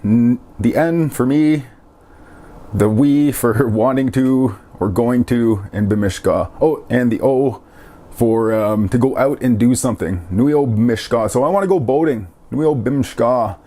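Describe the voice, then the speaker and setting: This is a man teaching a casual language lesson. His voice is mellow and dark, at an ordinary pitch for a man. He says each word slowly and more than once, and adds easygoing little jokes as he goes. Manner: repeats words slowly and jokes lightly.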